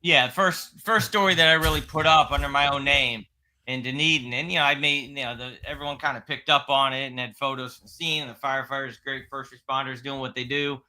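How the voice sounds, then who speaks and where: A middle-aged man from Florida, a podcast guest, speaking in a relaxed, halting way with many fillers. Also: mid-range voice. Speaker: guest, local news page owner. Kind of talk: casual interview.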